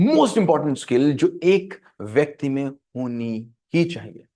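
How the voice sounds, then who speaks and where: A man's voice: medium pitch, a little mellow. A middle-aged man giving an earnest motivational talk on parenting and life skills. He repeats phrases for emphasis and mixes English terms into his Hindi.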